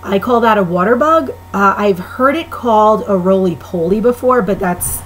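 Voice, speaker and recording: A woman's voice: medium pitch, normal speed, a little hiss or hum, rough recording. A woman in her twenties with a Long Island New York accent, chatting casually and opinionated in a vlog, with frequent ums. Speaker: vlogger. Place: living in the Midwest.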